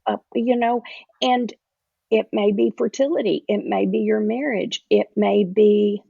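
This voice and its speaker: An older woman, the guest and a grandmother, talking in a slow, gentle, reflective way on a podcast. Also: medium pitch, fairly even intonation, creaky, slightly rough, no room sound, highs cut off. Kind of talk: casual podcast chat.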